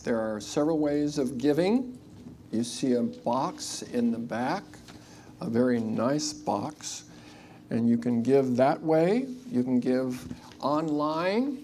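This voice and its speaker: A church leader giving announcements and leading spoken prayer in a plain, informal, unhurried way to a congregation. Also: medium pitch, animated, warm tone. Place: church service room.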